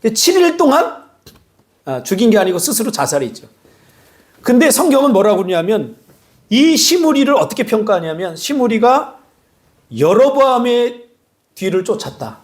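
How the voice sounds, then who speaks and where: A man, a pastor, giving an animated sermon in a church and teasing members of the congregation by name. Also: extremely high pitch, moderate pace, long pauses. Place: church sanctuary.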